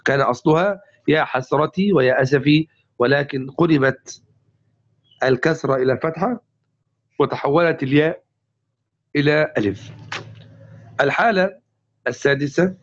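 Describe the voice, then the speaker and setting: A man's voice: fairly high pitch, normal speed, pauses often. A male teacher giving a classical grammar lesson to a class, explaining step by step and repeating each example. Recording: dull lo-fi recording.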